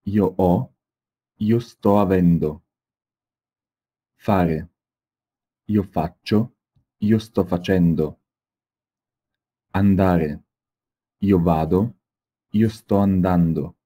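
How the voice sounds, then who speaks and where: Slow, husky low-voiced man. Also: mellow. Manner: slow, deliberate, carefully spaced. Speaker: language teacher reading examples. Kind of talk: slow read-aloud example sentences.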